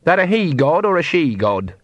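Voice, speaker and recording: A man's voice: fairly high pitch, sing-song, moderate pace, fairly bright tone, no echo, highs cut off, pitched above the performer's own voice. A man voicing a blunt, commanding old woman who speaks in a dry, matter-of-fact way. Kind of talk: audiobook character voice.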